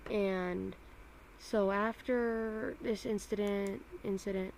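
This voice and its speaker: A woman's voice: mid-range voice, fairly even intonation, slow, creaky, a little mellow, slight background noise. A woman hosting her own channel, telling a rambling story time in a casual chat style and acting out the people she quotes. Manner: rambling, acts out quoted people in raised voices. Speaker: channel host.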